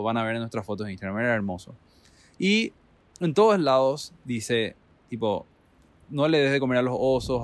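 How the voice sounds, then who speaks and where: A man telling a travel story in a casual, animated way, acting out quotes and laughing. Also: medium pitch.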